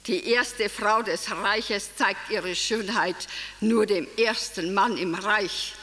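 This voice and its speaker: A woman's voice: mid-range voice, slow, sharp tone. An actress performing a radio play monologue as a dreamy, wistful older widow who muses and sighs as her thoughts wander. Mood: musing. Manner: wandering, musing, sighing asides.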